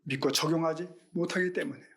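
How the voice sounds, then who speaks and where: A man's voice: fairly high pitch, steady tone, quick pace, a bit bright. A middle-aged male pastor giving a Sunday sermon, earnest and questioning, with rhetorical questions to the congregation.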